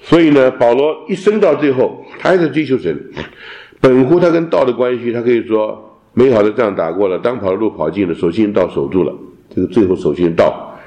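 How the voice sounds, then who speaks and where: A man teaching a theology class, lecturing in an animated way and dropping in English terms. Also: medium pitch. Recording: roomy echo.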